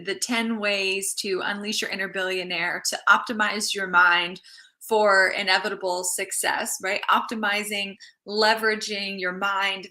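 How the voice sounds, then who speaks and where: A woman's voice: mid-range voice, sharp tone. A woman hosting a casual live stream as a mindset coach, chatting loosely, restarting phrases and greeting viewers as they join. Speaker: livestream host and mindset coach.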